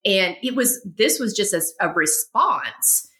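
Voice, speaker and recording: A woman hosting an interview, answering with quick affirmations and asking long, rambling questions full of restarts. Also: mid-range voice, expressive, sharp tone. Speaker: host. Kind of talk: interview chat.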